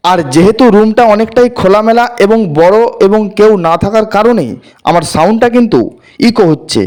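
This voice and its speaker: A man's voice: sits high, brisk. A man vlogging casually, pointing things out, his voice echoing around a large empty room. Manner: chatty, pointing things out as he goes. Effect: echo from a big empty room. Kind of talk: casual walk-through vlog narration. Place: large, mostly empty waiting room indoors. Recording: echoey room with steady background noise.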